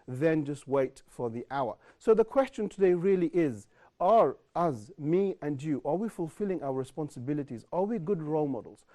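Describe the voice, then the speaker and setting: A man hosting a live studio talk show, posing clear, emphatic questions to his guests. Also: on the high side, mellow. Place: television studio.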